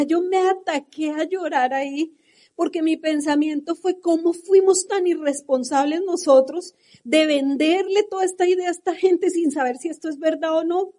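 A woman's voice: high-pitched, normal speed, dark tone. A middle-aged Colombian woman with a Colombian accent, passionately telling her story in a motivational talk to a live audience. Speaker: motivational speaker.

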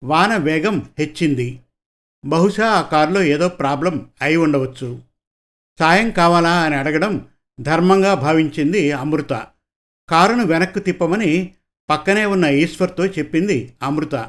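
Guy reading a story aloud, steady and clear, a little high-pitched. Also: unhurried. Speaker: story reader. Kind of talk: audiobook story narration.

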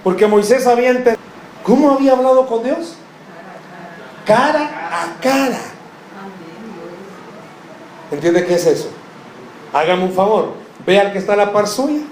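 A male pastor preaching a sermon, questioning the congregation directly with joking asides and slowing to stress key words. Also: high voice, a little mellow. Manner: slows and stresses words for emphasis. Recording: echoey room, faint background noise.

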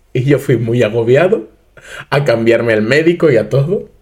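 A man's voice: medium pitch, expressive, normal speed, a little mellow. A young man with a Madrid accent, co-hosting a casual podcast chat and telling stories animatedly, acting out his own reactions. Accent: Madrid Spanish. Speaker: podcast co-host.

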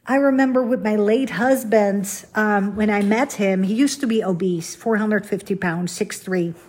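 A woman's voice: mid-range voice, normal speed, a little mellow, slightly rough. A middle-aged woman from the Netherlands, hosting a podcast in a candid, rambling, self-deprecating solo monologue. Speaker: podcast host.

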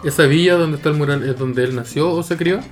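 A man's voice: a little high, fast talker, soft background music. A young Chilean man, a comedian, co-hosting a casual podcast and teasing the others with questions. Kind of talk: casual chat.

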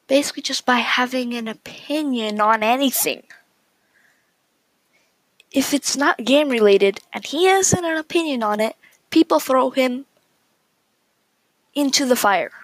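A woman's voice: a little high, no echo, low-quality recording. A woman hosting a casual solo podcast, talking in an opinionated, chatty way with frequent restarts. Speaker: podcast host.

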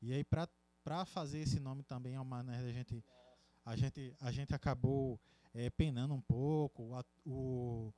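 A man's voice: mid-range voice, fairly even intonation, a little slow, dark tone. A man co-hosting a podcast in casual chat, rambling with many restarts. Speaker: podcast co-host.

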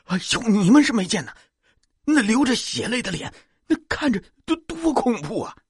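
A man's voice: mid-range voice, sing-song, moderate pace, breathy edge, no echo, studio quality, pitched above the performer's own voice. A man voicing a jittery young man who stammers and repeats his words, scared at first and then boastful. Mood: excited.

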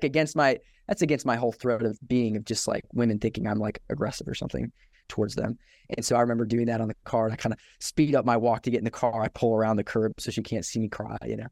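A man's voice: mid-range voice, no room sound, clean studio sound. A young man hosting a podcast, telling a story casually and acting out the voices of the people in it, with frequent laughs. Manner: animated storyteller who acts out quotes, laughs often. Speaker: podcast host.

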